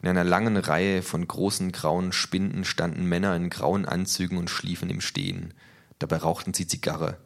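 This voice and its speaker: A man giving a calm, measured scripted narration of a story. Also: low-pitched, creaky.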